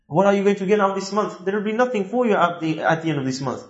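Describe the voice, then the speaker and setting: A man's voice: high-pitched, fast, roomy sound, dull audio. A man preaching a sermon, telling a story earnestly and quoting Arabic verses.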